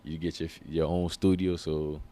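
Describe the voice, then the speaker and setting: Here a man with a deep, warm voice, a rapper and musician, answers interview questions on his music. His pitch barely moves and his pace is moderate, while his delivery stays laid-back, slangy, and loose, with plenty of fillers.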